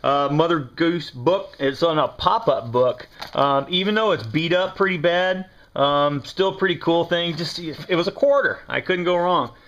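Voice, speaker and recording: On dull lo-fi camera audio, an American man shows off yard sale finds he's reselling, chatting to the camera in a relaxed, slangy, folksy manner. His voice is fairly high and a bit bright, and he talks a little slowly with hardly any pauses.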